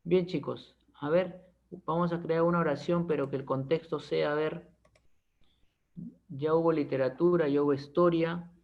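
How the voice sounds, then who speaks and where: A male teacher, his voice gravelly and somewhat high for a man. He lectures patiently to an online class, checking in with quick tags and tossing in playful everyday examples. The audio is dull and lo-fi. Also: steady tone. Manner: explains with frequent checking tags like ¿no? and ¿ya?.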